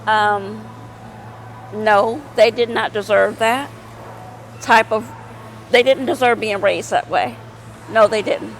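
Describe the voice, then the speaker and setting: A woman's voice: on the high side, fairly even intonation, slow pace, pauses often, slight background noise, poor audio. A middle-aged woman talking casually to her viewers in a rambling vlog, full of fillers and repeats. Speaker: vlogger.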